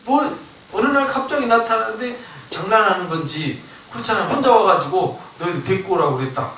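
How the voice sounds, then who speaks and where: Lively man preaching in an echoey church. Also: high-pitched, a little fast, slight background noise. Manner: animated, acts out voices of biblical figures, asks the congregation questions. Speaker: pastor. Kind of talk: Bible lecture sermon. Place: church sanctuary. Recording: echoey church hall, mic at a distance.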